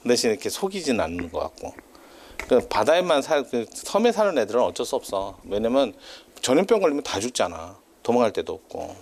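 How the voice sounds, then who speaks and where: A male lecturer talking to a class in a loose, chatty way, his pitch swinging up and down. He drifts off on tangents, teases and laughs often.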